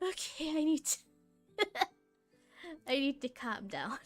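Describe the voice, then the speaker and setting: A woman's voice: sits high, lively intonation, normal speed, faint music behind. A young woman vlogger chatting casually in a rambling, giggly, sleepy way.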